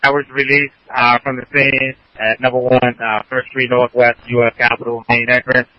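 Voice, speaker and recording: A man's voice: mid-range voice, monotone, moderate pace. A man on an emergency crew reporting from the field over a two-way radio, matter-of-fact with hesitant fillers. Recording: muffled radio transmission.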